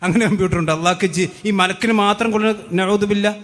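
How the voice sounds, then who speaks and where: A man's voice: sits high, very fast, fairly bright tone, long reverb tail. A man giving a combative religious rebuttal, firing rhetorical questions. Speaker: religious debate speaker. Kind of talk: polemical religious rebuttal talk.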